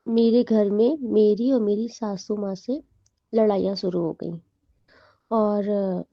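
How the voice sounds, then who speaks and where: A young woman gives a devotional testimony to her congregation, talking in a chatty way with frequent fillers and self-corrections. Her voice sits a little high but has a very dark, mellow tone. The recording is dry and somewhat dull. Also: dry recording.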